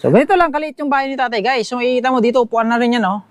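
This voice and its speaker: A man with a Filipino accent talks rapid-fire in a very high voice while touring a small bamboo house outdoors, filming on a handheld action camera. He narrates chattily for his viewers, keeps saying "guys," and points things out; the recording is dry.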